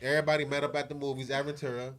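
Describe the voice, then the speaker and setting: A man's voice: medium pitch, little pitch movement, racing, crowd noise. A man, co-hosting a podcast and telling crude, rowdy stories in casual chat. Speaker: podcast co-host.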